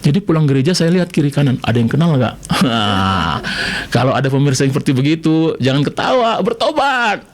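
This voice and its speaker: A middle-aged preacher from Medan with a high voice gives his testimony on radio. He swings between big exclaims and quiet, confiding asides. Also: expressive, fast, hardly any pauses. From Indonesia, Medan. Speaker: pastor guest.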